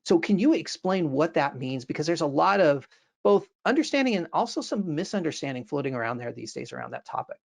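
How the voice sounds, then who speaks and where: A middle-aged man hosts an education webinar interview from his home office, talking over a video call through earbuds. His voice is a little high and creaky, and he speaks fairly fast, sounding very animated, upbeat, and earnest with some filler words.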